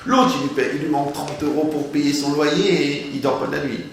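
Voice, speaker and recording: A man giving a lively, humorous sermon, asking rhetorical questions and playing on words. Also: fairly high pitch, brisk, gravelly. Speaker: rabbi giving a Torah lesson. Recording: very echoey room, faint background noise.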